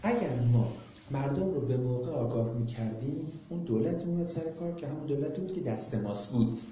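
A man's voice: mid-range voice, lively intonation, warm tone, a little hiss or hum. A man giving an impassioned public talk, firing off rhetorical questions and mocking remarks, then taking questions from the audience. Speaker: lecturer. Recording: echoey room.

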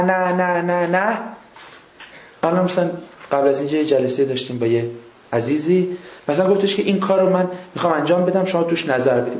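A man delivering an informal religious lecture in a high, light voice. He talks conversationally, throwing out rhetorical questions and humorous stories. The sound is echoey, as in a hard-walled room. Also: a little mellow. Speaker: religious speaker.

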